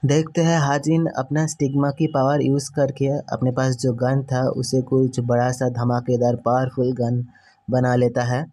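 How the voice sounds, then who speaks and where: A man's voice: medium pitch, completely flat delivery, measured pace, warm tone. A man casually narrating and explaining a story chapter by chapter, reading the characters' lines in his own plain voice.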